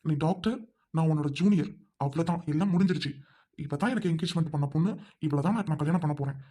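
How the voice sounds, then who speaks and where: A man voicing a loyal young groom in an amateur audio drama, scolding hard and then reassuring gently. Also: fairly high pitch, fast, husky. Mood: angry.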